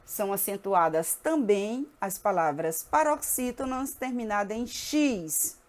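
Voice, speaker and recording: A woman's voice: medium pitch, unhurried. A woman teacher giving a grammar lesson, explaining rules and checking in with her students as she goes. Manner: lively, checks in with the class.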